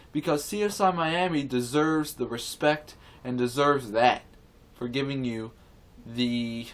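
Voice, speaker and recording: Man, mid-pitched, casual rant to camera; rambling, repetitive, indignant and earnest. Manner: rambling, repetitive, with many restarts and fillers. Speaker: vlogger.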